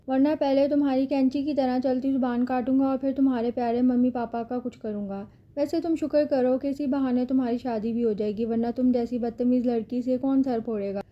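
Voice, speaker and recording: A woman's voice: high voice, steady tone, hardly any pauses, muffled recording, close to an everyday voice. A woman reading the part of a cruel, vengeful young man who has kidnapped a girl, speaking in a threatening, mocking way. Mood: menacing. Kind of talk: audiobook character reading.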